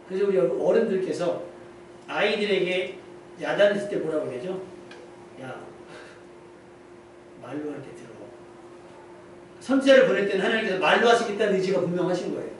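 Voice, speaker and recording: A high-pitched male pastor delivers a conversational sermon in a church sanctuary, asking the congregation questions and then answering them. The echoey hall is captured by a distant mic, with a little hiss or hum.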